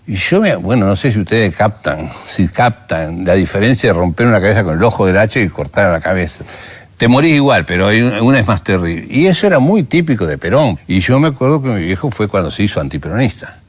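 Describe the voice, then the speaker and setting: A man's voice: on the low side, fairly quick. Older Argentine man telling stories. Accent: Argentine Rioplatense Spanish. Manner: animated storyteller who acts out remembered dialogue. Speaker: documentary interviewee. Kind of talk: recounting memories in a documentary interview.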